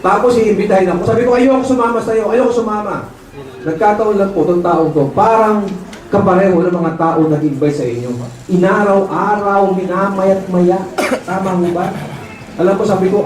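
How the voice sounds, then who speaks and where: A man's voice: high-pitched, a little fast, a little mellow. A man giving a motivational seminar talk as a training director, telling his story with animation and often asking the crowd to agree. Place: large seminar hall. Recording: very echoey hall, mic far off.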